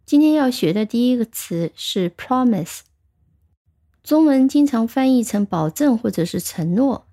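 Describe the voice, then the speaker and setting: A woman teaching English vocabulary, explaining patiently step by step and slowing down on the English words. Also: a little high, dark tone. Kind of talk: vocabulary lesson.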